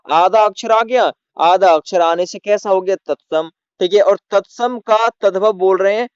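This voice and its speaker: High-voiced man teaching Hindi grammar. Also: smooth, no echo, lo-fi sound. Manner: repeats "theek hai dosto" and asks the class questions. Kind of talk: classroom-style lesson.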